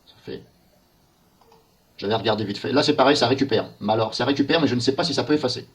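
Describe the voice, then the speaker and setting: Clicking through menus while capturing his screen, a software tester thinks out loud and mutters in confusion during a walkthrough. He speaks fast in a mid-range voice.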